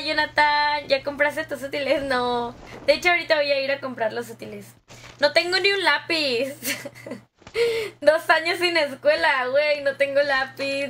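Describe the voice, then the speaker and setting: A woman's voice: high voice, bright, forceful tone, slight background noise. Chatty young Mexican woman streamer. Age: young adult. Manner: chatty, slangy, laughs often. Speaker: gaming streamer. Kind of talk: casual live-stream chat reading viewer comments.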